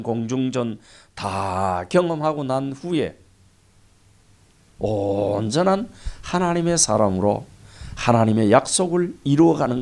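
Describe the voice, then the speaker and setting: A middle-aged man preaching a sermon as pastor, building up to emphatic lines and then dropping to quiet, low endings. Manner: preaching with rising emphasis and sudden soft drops.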